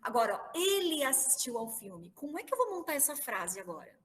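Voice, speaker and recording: A woman's voice: sits high, sing-song, brisk, in a large hall, rough recording. A woman from Brazil teaching English grammar in an online class, patiently spelling words out letter by letter. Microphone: video call.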